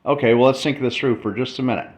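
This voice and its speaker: A man explaining math talks quickly at medium pitch, thinking aloud in short, start-and-stop phrases while demonstrating in an informal explainer. A dull lo-fi mic records him, and faint background noise can be heard.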